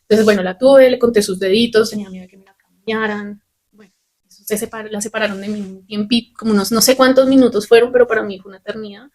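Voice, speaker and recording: A young adult woman, a podcast host telling a personal story candidly and with animation. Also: medium pitch. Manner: candid, fast and animated, swears casually.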